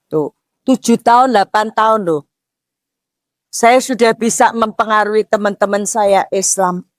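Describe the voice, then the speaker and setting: A woman in her sixties with a Javanese accent preaching a mosque sermon, posing rhetorical questions and rising to emphatic near-shouts. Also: mid-range voice, measured pace, dry recording, studio quality. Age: 60s. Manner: slips Javanese words into talk.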